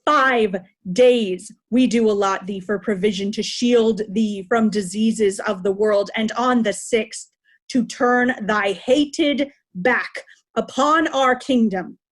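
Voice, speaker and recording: A woman playing a proud, wrathful old king in formal, commanding Shakespearean stage verse. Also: on the high side. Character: old king Lear, proud, wrathful, imperious male monarch. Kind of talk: Shakespeare reader's theatre acting.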